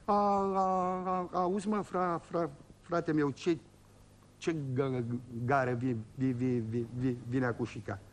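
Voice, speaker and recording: A man voicing a stuttering, sharp-witted old village man who speaks in slow, halting bursts. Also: on the high side, steady tone, pitched below the performer's own voice, natural voice. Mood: halting, gruff.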